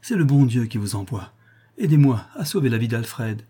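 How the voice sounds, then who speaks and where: A man voicing an excitable, doting old woman concierge who fusses in a shrill, fretful voice. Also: moderate pace, breathy edge. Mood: frantic. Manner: shrill, fretful, fussing endearments.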